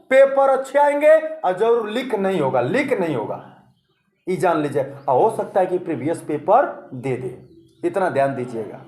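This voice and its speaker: A man's voice: high voice, darkish tone, roomy sound. A male coaching teacher, giving a motivational exam-prep lesson and asking and answering his own questions.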